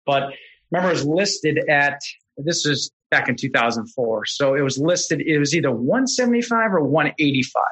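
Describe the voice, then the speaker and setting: A middle-aged man, a podcast guest, telling stories in a casual, animated way, often correcting himself mid-sentence. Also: fairly high pitch, moderate pace, low-quality recording. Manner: animated, self-correcting storyteller. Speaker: podcast guest, real estate investor. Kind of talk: casual storytelling.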